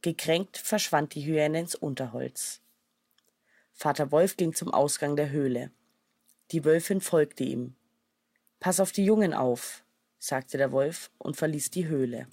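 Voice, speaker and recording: A woman narrating a children's storybook in a calm, measured way. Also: low-pitched, no room sound, studio quality.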